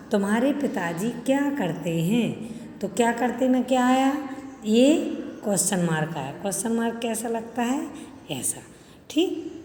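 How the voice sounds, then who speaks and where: A woman's voice: medium pitch, mellow, a little hiss or hum. A woman teacher giving a grammar lesson to young pupils, explaining step by step and asking questions she answers herself. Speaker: school teacher. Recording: echoey room with long reverb.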